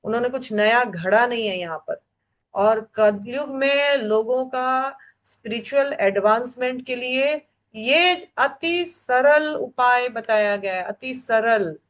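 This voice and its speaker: A woman with a slightly high, fairly bright voice leads a devotional scripture class at a slow pace. To stress her points she repeats key phrases three times, and she mixes English words in with her speech.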